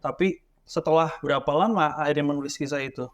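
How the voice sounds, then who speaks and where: A man's voice: fairly high pitch, quick pace. Man hosting, eagerly prompting. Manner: eager prompting interviewer, short reactions. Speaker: podcast host. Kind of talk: casual podcast chat.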